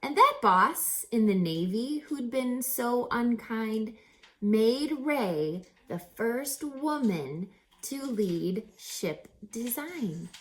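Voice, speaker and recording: On a low-quality recording, a woman with a voice on the high side and lively intonation reads a children's story very slowly. Acting as a teacher, she's dramatic and emphatic, asking listeners rhetorical questions along with teacherly asides.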